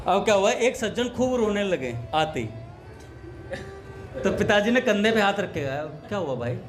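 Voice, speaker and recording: A man giving a devotional talk, telling anecdotes and acting out the dialogue in a relaxed conversational way. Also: high-pitched. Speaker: satsang speaker.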